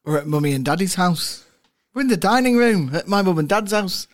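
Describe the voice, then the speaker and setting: A man in his thirties chats about football as a podcast panellist. His voice is slightly higher than average, and his style is casual and jokey. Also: expressive, a little fast. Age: 30s.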